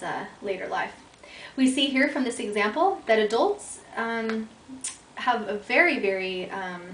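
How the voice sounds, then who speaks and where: Young american woman doing a class talk off her notes, lots of ums, sounds far from the mic in an echoey room. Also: a little high. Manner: reads from notes with frequent ums and restarts. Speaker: education student. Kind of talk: class oral presentation. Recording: echoey room, voice from far off, faint background noise.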